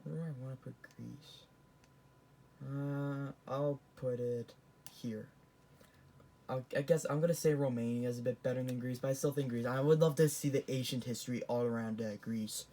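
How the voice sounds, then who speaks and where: A man's voice: mid-range voice, fairly even intonation, normal speed, warm tone, a little hiss or hum. Teen male, casual rambling vlogger, lots of false starts. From Canada. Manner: rambling, with frequent restarts and self-corrections. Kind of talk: casual tier-list commentary.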